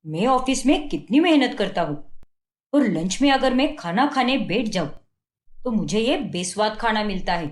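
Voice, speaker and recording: A woman's voice: mid-range voice, animated, moderate pace, reverberant, natural voice. A woman voicing a fault-finding young husband in a cartoon, scolding and contemptuous. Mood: scornful. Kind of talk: Hindi cartoon dubbing.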